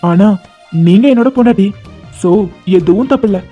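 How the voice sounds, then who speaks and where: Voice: mid-range voice, moderate pace, mellow, slightly rough, close to an everyday voice. Voice actor doing a stubborn, teasing young doctor. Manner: teasing, stubborn, calls her pet names. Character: persistent young man, doctor, claims the heroine as wife. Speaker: male lead. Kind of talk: animated love-story dubbing. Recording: dull lo-fi audio with faint music.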